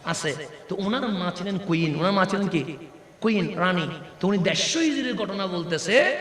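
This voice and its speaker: High-voiced preacher man, hall echo. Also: expressive, normal speed. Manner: call-and-response questions to the crowd, rising to shouts. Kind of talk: sermon at a religious gathering. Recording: echoey hall with long reverb.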